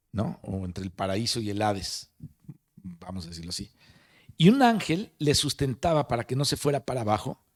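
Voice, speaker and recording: A man preaching in a relaxed, conversational way, telling a story and leaning on fillers and restarts. His pitch sits in an ordinary middle range for a man. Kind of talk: sermon. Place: meeting room of a family support center.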